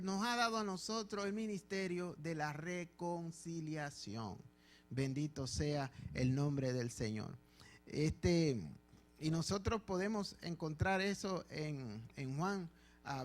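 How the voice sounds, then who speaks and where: A man's voice: on the high side, animated, slow pace. A man with a Dominican Spanish accent, a pastor preaching a sermon in church with emphatic, repeated phrases. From Dominican Republic.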